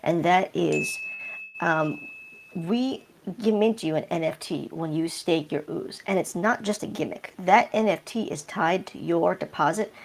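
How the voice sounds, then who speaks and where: A man speaking through a voice changer that pitches his voice deep, answering interview questions casually and hesitantly with many fillers. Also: a little slow, creaky, slight background noise. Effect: voice changer, pitch shifted deep. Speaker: project developer guest.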